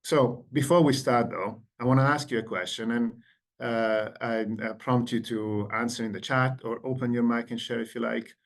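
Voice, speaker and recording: A man's voice: medium pitch, fairly even intonation, moderate pace, gravelly. A man in his forties from Italy with an Italian accent, giving an online lecture as a guest lecturer and engaging the audience with questions over a video call.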